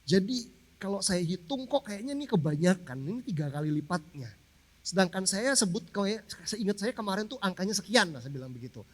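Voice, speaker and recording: A man's voice: high voice, lively intonation, fairly quick. A man preaching a sermon to his congregation, telling a personal story in a casual, conversational way and speaking to the listeners directly. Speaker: pastor. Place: large church hall. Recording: long church hall reverb.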